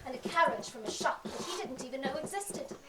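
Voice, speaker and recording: A woman telling a fairy tale in a lively, dramatic storyteller manner. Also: sits high, brisk. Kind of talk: expressive storytelling. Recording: roomy, distant, noisy.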